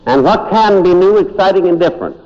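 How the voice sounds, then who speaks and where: Animated and fairly quick, a man with a high, dark voice delivers an emphatic inspirational talk in a hall, hammering points home through repeated words. The sound is dull lo-fi, drenched in long hall reverb.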